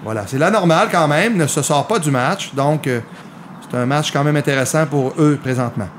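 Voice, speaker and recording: A man's voice: on the high side, a little fast, a little hiss or hum. A man with a Quebec French accent giving live golf commentary on a mini-golf match, explaining the play to viewers.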